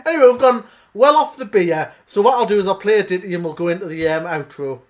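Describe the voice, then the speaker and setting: A man's voice: high voice, fast, soft background music. A man, co-hosting a beer podcast in jokey casual chat. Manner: jokey, animated banter. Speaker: podcast co-host.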